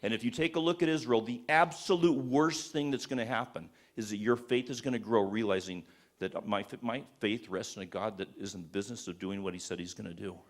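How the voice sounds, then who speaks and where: A man with a lowish voice preaches to a gathered audience with fervent conviction. He drives his points home with rhetorical questions and stumbles through frequent restarts as he presses on. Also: brisk. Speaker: speaker at a church event. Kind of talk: impassioned sermon-style presentation. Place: live talk before an audience.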